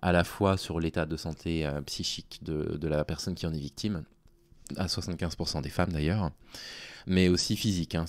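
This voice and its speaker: In a steady, deep voice that still sounds drained and small, a male online video creator casually tells his audience about his personal circumstances. Long pauses break up his hesitant, halting speech, and there's no echo on the recording.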